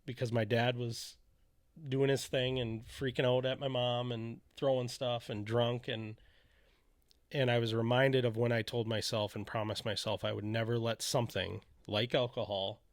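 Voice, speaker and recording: A man's voice: mid-range voice, level tone, moderate pace. A man talking through a personal story on a podcast in a loose, rambling way, throwing in frequent "you know"s and "right?"s. His voice sits in an everyday middle register. It is recorded close and dry, with no room echo. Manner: candid, rambling retelling with many "you know" asides. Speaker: podcast co-host telling his faith story. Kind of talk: casual storytelling conversation.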